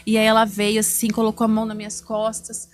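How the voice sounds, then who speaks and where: A woman giving a heartfelt, faith-filled testimony as an image consultant on a podcast. She tells her story in a lively way and acts out the dialogue she remembers. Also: on the high side, fairly quick, soft background music. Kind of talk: personal testimony in a podcast interview.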